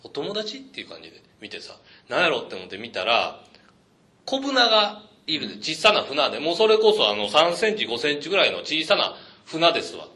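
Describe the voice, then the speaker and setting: 関西訛りの、表情豊かに話す男性. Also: male voice, fairly high pitch, a little fast. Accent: Kansai. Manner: animated storyteller, chatty and joking. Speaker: podcast host. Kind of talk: casual chat.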